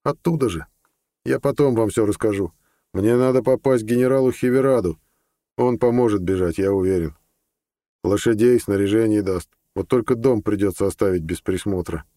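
A man's voice: fairly low pitch, moderate pace, mellow, no room sound, natural voice. A man voicing a determined young man in an audiobook, terse and urgent. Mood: matter-of-fact.

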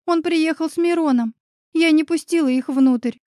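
A woman's voice: high voice, moderate pace, dark tone, no room sound, clean studio sound, voice pushed up, lightly acted. A woman voicing a heartbroken young woman who sobs as she speaks. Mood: tearful. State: sobbing. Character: tearful young woman friend, heartbroken and resigned.

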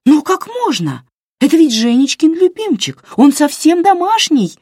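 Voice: mid-range voice, expressive, normal speed, a little mellow, no room sound, studio quality, voice pushed up, lightly acted. An audiobook reader voicing a fretful, tearful elderly grandmother who speaks plaintively in a raised voice. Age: older.

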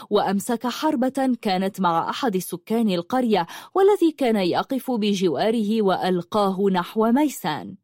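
A woman reading a novel aloud in steady, dramatic storytelling narration. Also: mid-range voice, no room sound, studio quality. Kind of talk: audiobook narration.

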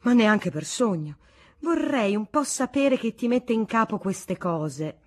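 A woman's voice: medium pitch, sing-song, moderate pace, breathy edge. Vain breezy husband, read by a woman. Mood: dismissive. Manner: breezy, dismissive. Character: vain, carefree young aristocratic husband.

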